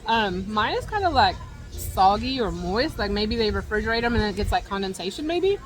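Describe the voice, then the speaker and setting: A woman's voice: mid-range voice, big pitch swings, a little fast, faint music behind. A woman chatting casually in a travel vlog, reviewing food outdoors and talking with her mouth full. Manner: chatty, talks while eating, laughs often. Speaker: travel vlogger. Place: outdoors at a cruise line's island stop.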